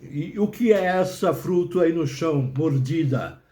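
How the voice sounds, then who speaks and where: A man's voice: fairly high pitch, expressive, a little slow, mellow. A man voicing a simple-minded first man who stammers and dodges the blame. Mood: flustered. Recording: roomy echo.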